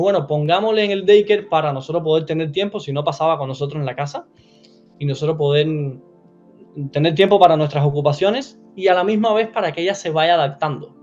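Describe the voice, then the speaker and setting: A man's voice: on the high side, darkish tone, lo-fi sound. A man in his forties, a guest in an interview, explaining things earnestly and acting out quotes with animation. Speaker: immigrant guest. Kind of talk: casual interview chat.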